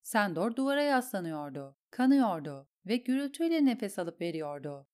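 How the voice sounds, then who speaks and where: Woman reading an audiobook, steady and measured. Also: mid-range voice. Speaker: narrator.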